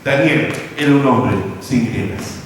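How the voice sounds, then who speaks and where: A man preaching a sermon as pastor, his voice sweeping up and down in pitch. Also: unhurried, a little hiss or hum. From Chile. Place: large church hall. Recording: echoey church hall, mic far off.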